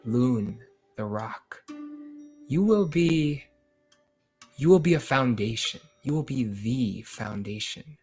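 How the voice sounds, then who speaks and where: A man's voice: medium pitch, lively intonation, takes it slowly, pauses often, a little mellow, soft background music. Man voicing a solemn, mysterious mystic in shadows. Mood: solemn, prophetic. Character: mysterious calm male mystic stallkeeper speaking from shadows.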